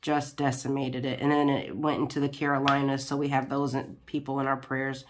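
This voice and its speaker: A woman's voice: extremely low pitch, level tone, a little fast. A woman hosting a crafting video, chatting casually while she works, her voice nasal and congested from a cold, rambling with plenty of ums and restarts. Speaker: crafting channel host. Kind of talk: casual chat while diamond painting.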